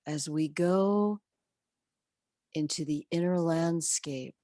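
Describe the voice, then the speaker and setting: Her low, soft voice guides a meditation and prayer gently and soothingly, measured and full of long pauses, growing breathy at the ends of phrases. The recording is dry, with clean studio sound.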